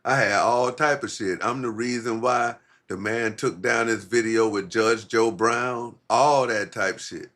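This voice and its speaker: A man's voice: mid-range voice, unhurried, few pauses, fairly bright tone. A man hosting a casual, profane livestream, rambling in a laid-back stoner way with heavy slang and swearing. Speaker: livestream host.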